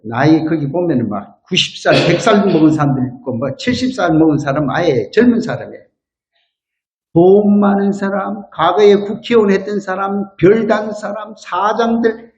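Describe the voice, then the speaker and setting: An older man, a guest elder, preaching a lively revival sermon from the church floor. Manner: lively, acts out quotes with big pitch swings. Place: church sanctuary floor, not the pulpit. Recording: roomy, dull lo-fi church recording.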